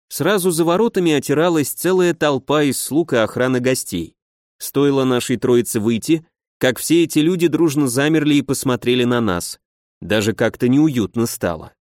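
A man's voice: mid-range voice, a little mellow, dry recording. A male audiobook narrator with an ordinary mid-range voice, reading in a wry, conversational first-person manner. The recording is close and very dry, with no room sound.

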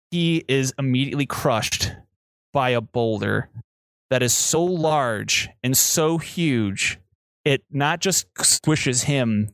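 A man's voice: medium pitch, a bit bright, no room sound. A man narrating as game master in a casual, rambling way with fillers.

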